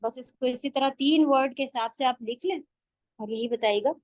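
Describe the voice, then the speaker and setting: A woman's voice: high voice, normal speed, dry recording. A woman teaching an online recitation class, patiently explaining step by step and sounding out letters for her students. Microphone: video call.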